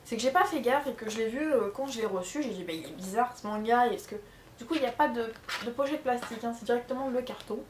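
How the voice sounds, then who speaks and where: A woman's voice: a little high, fast talker, echoey room, slight background noise. A young woman from France with a Charente accent, chatting casually to viewers, rambling with lots of fillers and self-corrections. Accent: French from the Charente region. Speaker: vlogger answering viewer questions. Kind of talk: casual chat. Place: bedroom at home.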